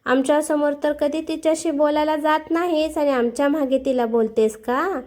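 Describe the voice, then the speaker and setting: A sharp-tongued aunt lashes out with accusations, her voice rising as she scolds, as a woman storyteller plays her. The voice is high and mellow. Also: steady tone, normal speed, natural voice. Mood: accusing.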